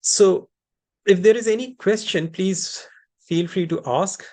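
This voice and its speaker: A man's voice: sits high, slow, darkish tone. Reassuring man leading a hypnosis session. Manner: reassuring, explanatory, repeats and rephrases key phrases. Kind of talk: informal teaching and question session, switching between two languages.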